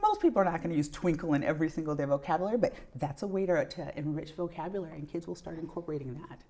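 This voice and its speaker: A woman's voice: deep voice, animated, very fast, mellow. A middle-aged woman, a pediatrician giving earnest explanations with examples as an interview guest. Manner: earnest, illustrates points with examples.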